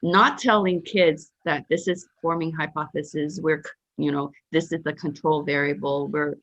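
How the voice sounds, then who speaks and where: A woman's voice: sits low, fairly even intonation, normal speed, fairly bright tone. A woman from Taiwan hosting a casual interview over a video call, talking in a rambling way with many fillers and restarts. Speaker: host. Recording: dull lo-fi call audio.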